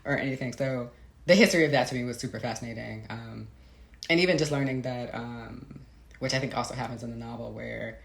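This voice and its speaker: A woman author, a guest, answers interview questions reflectively and conversationally, thoughtful and hesitant with frequent light laughs. Her very deep voice is brisk and gravelly, and the sound is reverberant.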